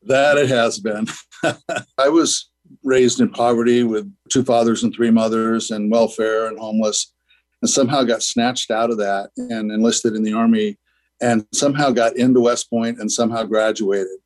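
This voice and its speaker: A man's voice: mid-range voice, fairly even intonation, normal speed, darkish tone, poor audio. An older man, a school founder, speaking as a guest on a radio interview in an earnest, rambling way with many fillers.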